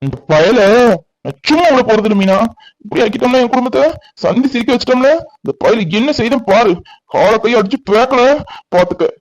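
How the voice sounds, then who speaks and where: Man voicing a cartoon father, anxious, hot-tempered, high voice. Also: lively intonation, rough recording. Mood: angry. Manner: anxious, agitated, fast.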